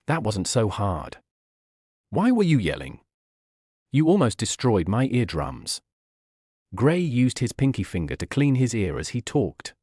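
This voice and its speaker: A man reading a fantasy light novel aloud as audiobook narrator, in a steady storytelling manner. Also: medium pitch, no room sound, studio quality. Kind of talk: scripted narration.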